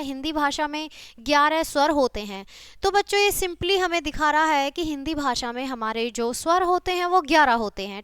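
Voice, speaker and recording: A woman teaching a children's lesson, patient and checking often that the children follow, spelling out sounds slowly one by one. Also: sits high, a bit bright, no room sound, studio quality. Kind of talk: classroom video lesson for children.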